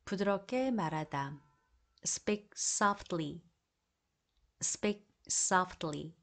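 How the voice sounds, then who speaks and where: A woman reading an English vocabulary drill as a teacher, saying each phrase twice in a slow, deliberate way. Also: on the low side, a bit bright.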